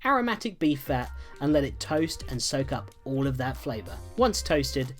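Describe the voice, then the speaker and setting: A man hosting a cooking vlog, walking through a burger recipe in calm voice-over and then tasting it on camera with loud, joking enthusiasm. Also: medium pitch, normal speed, faint music behind. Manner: energetic and jokey, exclaims while tasting; calm, steady instruction in voice-over. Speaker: cooking show host.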